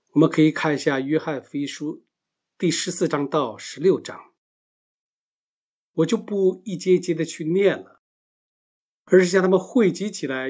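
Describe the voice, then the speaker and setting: A man's voice: a little high, a little mellow. A man giving a Bible teaching lecture, explaining step by step and often asking and answering his own questions.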